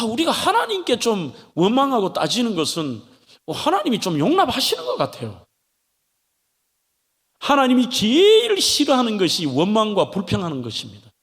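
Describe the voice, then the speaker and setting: A male pastor preaching a sermon in a church, delivering it in an animated way with dramatic turns. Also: high voice. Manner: animated preaching, acting out pleading voices of biblical figures. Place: church sanctuary. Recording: long hall reverb of a church.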